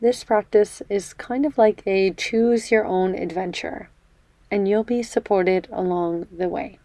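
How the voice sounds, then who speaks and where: A woman leads a guided meditation in the form of a body scan, speaking slowly and without hurry. Her medium-pitched voice is soft-edged and mellow, gentle and soothing, and she leaves space between phrases. The sound is close and dry, with no echo.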